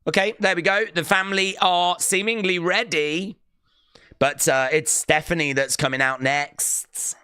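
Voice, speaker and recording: A man streams a live wrestling watch-along, casually commenting on the show and reading out chat messages in a chatty way with many "uh" fillers. His high-pitched voice is pushed, bright, clear, and resonant, with fairly even intonation and a slightly slow pace. The sound is studio quality with no echo.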